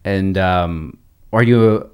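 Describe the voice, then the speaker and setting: A man in his thirties from Southern California hosting a casual podcast chat, relaxed, laughing often and calling his guest "dude". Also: sits low, drawn-out words, clear, resonant tone. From Oxnard, Southern California. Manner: laid-back, laughs often, says "dude" and "man" a lot. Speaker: podcast host.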